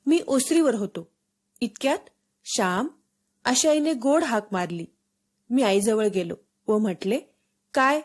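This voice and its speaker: A woman's voice: fairly high pitch, measured pace, a little mellow. Woman reading a children's story. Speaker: narrator. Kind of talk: storybook narration for schoolchildren.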